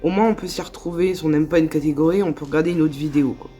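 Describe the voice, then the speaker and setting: A woman's voice: low voice, very fast, warm tone, soft background music. A woman with a Northern French accent, chatting casually in a vlog, with lots of fillers and small laughs. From northern France. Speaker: vlogger.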